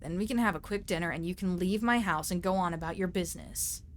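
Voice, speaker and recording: A woman voicing a stern, curt middle-aged woman doctor with a husky smoker's voice. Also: on the low side, fast, slight background noise, lightly acted. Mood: dismissive. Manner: clipped, dismissive.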